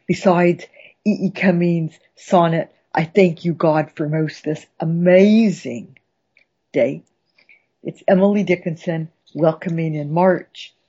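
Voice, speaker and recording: A woman hosting a radio poetry show, reading and reciting poems with slow, dramatic relish. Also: on the low side, dark tone, husky, muffled recording. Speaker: radio host and poetry professor.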